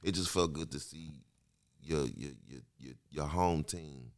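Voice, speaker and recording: A man in his late thirties from Kansas City, a musician guest telling stories in a slangy, animated way. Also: rumbling low, unhurried, no echo, clean studio sound. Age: 30s. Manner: slangy, repetitive, animated storytelling. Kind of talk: casual interview chat.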